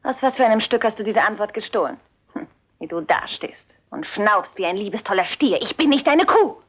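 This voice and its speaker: A woman's voice: on the high side, expressive, fast. An actress playing a defiant circus woman who mocks and rebuffs a pushy admirer, in a German film dub. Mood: taunting. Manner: scornful, taunting, with hissed whispers. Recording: dull lo-fi film soundtrack.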